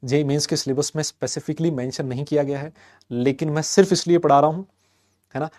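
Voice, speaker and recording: A young man teaching chemistry in an online exam-prep lecture, teasing his students, answering imagined questions himself and slowing down to read English definitions. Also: a little high, fairly even intonation, a little mellow.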